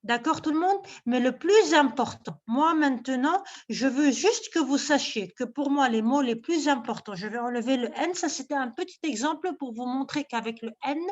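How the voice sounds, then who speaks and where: A woman teacher giving an online class, speaking slowly and patiently and checking in with "ok?" after each point. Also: high voice, lo-fi sound.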